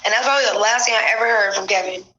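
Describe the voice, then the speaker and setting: A young adult woman telling a gossipy story on her livestream in a casual, animated way, acting out what others said. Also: medium pitch, racing, highs cut off, slight background noise. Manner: animated gossip, acts out quotes. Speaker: live streamer.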